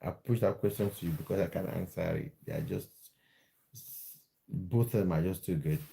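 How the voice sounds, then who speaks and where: His voice is low, gravelly and dark, delivered at a normal speed, as this Cameroonian man runs a relaxed football livestream. He chats with viewers and keeps restarting his sentences.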